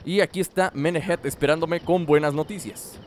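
A man's voice: on the high side, steady tone, brisk, a little hiss or hum. A young man giving chatty, joking let's play commentary, laughing often. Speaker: gaming channel host.

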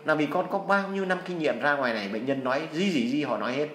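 Man, earnest folksy spiritual advice, slightly high voice, echoey room. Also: quick pace, fairly bright tone. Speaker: healer giving spiritual advice. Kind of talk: casual Buddhist advice talk.

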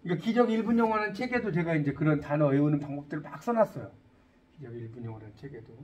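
Man, middle-aged, high-pitched, lively lecturing, quizzes the class. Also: racing, a little hiss or hum. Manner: lively, asks students questions, jokes. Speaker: English teacher and author.

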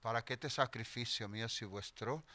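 A man's voice: medium pitch, normal speed, loud music behind the voice. A middle-aged man, a priest, celebrating mass in a small chapel with solemn liturgical delivery, speaking into a stand mic at the altar.

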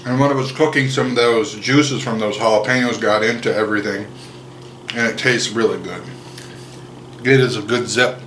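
In a fairly low, steady, somewhat bright voice, a thirties-aged host runs a casual cooking vlog from his home kitchen and dining room. A slight hiss or hum sits under his slow, good-humored talk, broken up by chewing as he tastes his cooking.

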